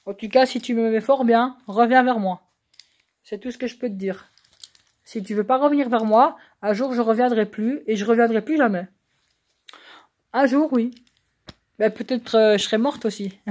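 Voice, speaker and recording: A woman's voice: on the high side, moderate pace, a little mellow. A woman recording a personal video message to one person, rambling and repeating herself as she pleads. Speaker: vlogger.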